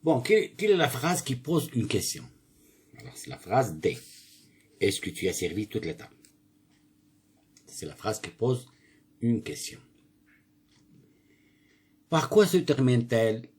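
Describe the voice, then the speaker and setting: A man's voice: mid-range voice, sing-song, a little slow, long pauses, darkish tone, husky. A male teacher going through a grammar exercise, asking questions and answering them himself. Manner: asks questions then answers them himself, corrects slips. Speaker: primary school teacher. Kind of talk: grammar lesson, reading and explaining exercises.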